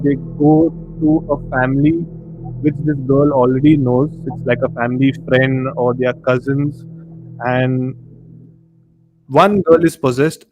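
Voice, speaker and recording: A man of medium pitch hosts a horror discussion livestream, chatting casually while reviewing movies. His slightly muffled voice sits over a clearly audible music bed.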